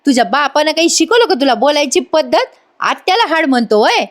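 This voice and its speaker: A woman's voice: sits high, very animated, a little fast, voice pushed up. Spiteful greedy old auntie, sneery, threatening, woman voicing her. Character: spiteful, greedy older village aunt.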